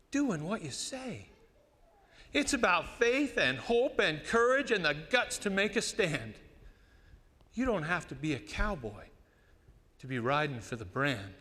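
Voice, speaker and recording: Male cowboy poet, higher-pitched Western twang, folksy and unhurried delivery with dramatic pauses, recitation in a reverberant hall. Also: sharp tone. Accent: American West cowboy twang. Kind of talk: cowboy poetry recitation to an audience.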